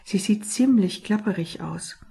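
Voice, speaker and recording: A woman's voice: mid-range voice, gravelly, warm tone, breathy edge, heavily acted. A woman voicing a clever, impatient male sparrow who leads his friends in a storybook reading. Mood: eager. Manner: brisk, impatient.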